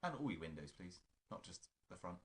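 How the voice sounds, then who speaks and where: A man's voice: low voice, big pitch swings, brisk, fairly bright tone. A man co-hosting a podcast, chatting casually and dropping blunt, dry one-liners. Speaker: podcast co-host. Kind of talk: casual chat.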